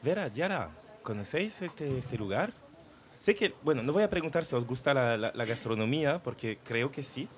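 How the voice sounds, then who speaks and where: Animated man hosting a chat. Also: mid-range voice, moderate pace, crowd noise. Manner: animated, stumbling restarts. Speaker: host. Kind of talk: casual interview hosting.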